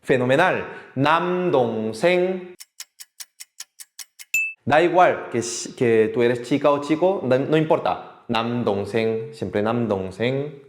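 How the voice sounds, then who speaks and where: Lively man teaching a class. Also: mid-range voice, normal speed. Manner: lively, patient, repeats words for the class to echo. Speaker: Korean language teacher. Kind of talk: online language lesson. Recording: echoey room with faint noise.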